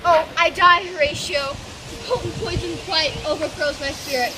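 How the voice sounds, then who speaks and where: A woman's voice: sits high, moderate pace, natural voice. A woman playing an anguished, vengeful young prince in an amateur Shakespeare stage production, declaimed dramatically. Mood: dying, fading. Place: barn performance. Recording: loud steady noise, amateur live recording.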